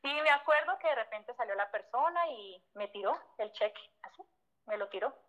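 A fairly high-voiced woman with a Mexican Spanish accent tells a heartfelt story of her own past, full of feeling and quick asides. She acts out the conversations she recalls. The recording sounds dull and lo-fi. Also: lively intonation. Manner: emotional, vivid retelling that acts out past conversations, frequent "o sea" fillers. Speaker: guest, former model.

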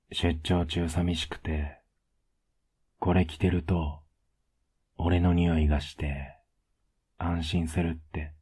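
Young boyfriend, played by a man, ASMR role-play. Husky, flat and unhurried, affectionate with gentle teasing. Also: exaggerated voice. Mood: tender, affectionate. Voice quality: low, husky, soft. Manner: laid-back, gently teasing, intimate.

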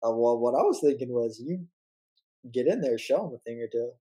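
A man's voice: medium pitch, lively intonation, fairly quick, dark tone. A man co-hosting a casual chat, laid-back, with teasing questions and easy laughter. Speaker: podcast co-host.

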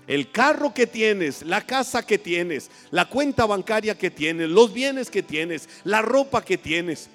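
A man preaching a sermon, telling stories and asking the congregation questions, with dramatic pauses. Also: sits high, big pitch swings, big-room sound, soft background music. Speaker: pastor. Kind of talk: sermon with storytelling.

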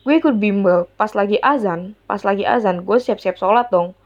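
A young woman tells a story from her school days at a middle pitch, in casual slang with an exasperated, lively edge. The recording sounds dull and lo-fi. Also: moderate pace. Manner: slangy, exasperated, animated retelling. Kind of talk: personal storytelling monologue.

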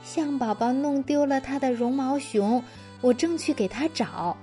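A woman's voice: sits high, a little slow, mellow, faint music behind, pitched above the performer's own voice. A woman doing a kind eager storybook heroine. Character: friendly young storybook heroine, kind and helpful.

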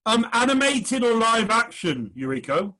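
High-voiced quiz host, jokey. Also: male voice, sing-song, moderate pace, bright, forceful tone, low-quality recording. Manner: jokey, hesitant with fillers. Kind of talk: online comedy panel show hosting.

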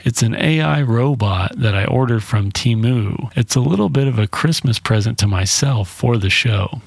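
A man with a medium-pitched voice and vocal fry hosts a solo podcast, reviewing a movie casually and bluntly with some swearing. The recording has no room sound.

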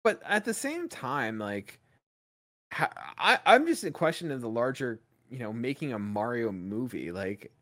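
A man talking casually on a podcast from a remote call. His pitch swings widely as he talks, and he rambles, stacking fillers as he works through his thoughts. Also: a little slow. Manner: rambling, animated, lots of "like" fillers. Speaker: podcast co-host. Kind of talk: casual chat.

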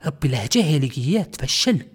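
A woman's voice: deep voice, very animated, fairly quick, husky. A woman with a Kuwaiti accent hosting a comedy podcast in a sarcastic, mocking tone. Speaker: podcast host.

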